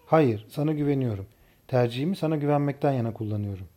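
A smug, wealthy young man who teases and gives low commands, read by a man in an audiobook. His tone is mellow and warm, at an ordinary pitch, and he sounds sure of himself throughout. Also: fast, natural voice. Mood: teasing. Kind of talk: audiobook character reading.

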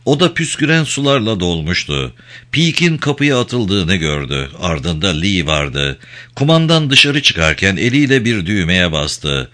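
A man narrating an audiobook with a dramatic, expressive reading. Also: deep voice. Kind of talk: scripted narration.

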